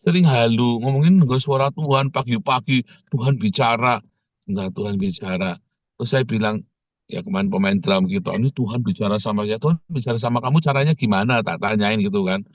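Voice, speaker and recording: A pastor preaching a sermon, telling humorous stories and jumping high in pitch when he quotes others. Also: a little fast, no echo, dull audio.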